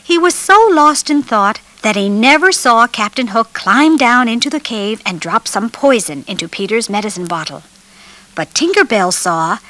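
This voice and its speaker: Animated, bright woman reading a storybook. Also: on the high side.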